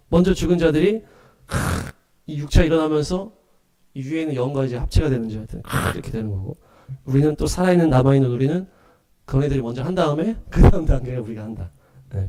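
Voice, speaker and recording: Animated pastor preaching a lively sermon. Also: male voice, on the high side. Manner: animated, acts out voices and laughs often. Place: small church hall.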